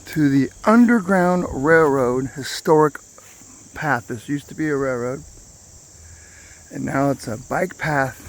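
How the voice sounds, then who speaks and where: A man's voice: mid-range voice, unhurried, pauses often. A man casually narrating a walking property tour in a plainspoken, rambling way, recorded outdoors. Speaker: property owner giving a tour. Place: outdoors on wooded rural land. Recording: clear outdoor background noise, insects.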